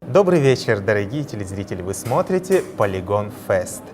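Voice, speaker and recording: A man moderating a TV studio discussion, speaking in hesitant, halting phrases. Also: lowish voice, big pitch swings, over music. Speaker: TV debate moderator. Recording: clearly noisy sound.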